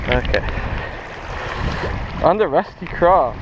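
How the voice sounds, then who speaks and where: A man filming himself fishing outdoors on a rocky lakeshore, with short excited remarks about his catches. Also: on the high side, takes it slowly, muffled recording. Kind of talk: casual running commentary while fishing. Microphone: head-mounted action camera. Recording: outdoor wind and water noise. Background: wind and lapping water.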